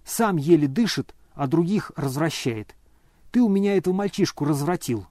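A man's voice: fairly high pitch, lively intonation, normal speed, mellow, no echo, studio quality. A man voicing a fiery scolding noblewoman. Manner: scolding, exclaiming.

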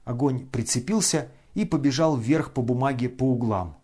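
A man reading a classic novel aloud as an audiobook narrator, in measured, expressive storytelling. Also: mid-range voice, slightly rough.

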